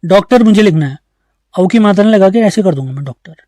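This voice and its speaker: A man's voice: high-pitched, animated, fast, warm tone, no echo. A male teacher giving an online exam-prep grammar lesson, explaining step by step and asking the class questions that he answers himself. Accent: Uttarakhand Hindi.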